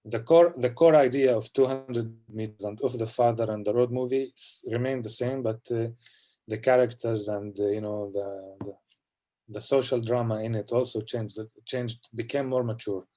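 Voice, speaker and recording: A film director from Palestine answering questions in a festival Q&A over a video call. He speaks in a reflective, halting way and often adds "you know". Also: mid-range voice, fairly even intonation, dark tone. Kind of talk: festival Q&A conversation.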